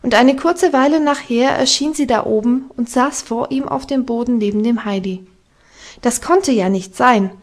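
A woman narrating a classic children's novel as an audiobook, with calm, even storytelling. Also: fairly high pitch, normal speed. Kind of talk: scripted narration.

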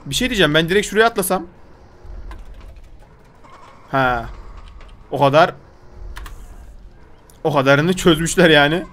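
A man's voice: on the high side, measured pace, pauses often, a bit bright. A man giving chatty, exasperated commentary while playing a video game, often scolding the character on screen. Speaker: gaming video host. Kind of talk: gameplay commentary.

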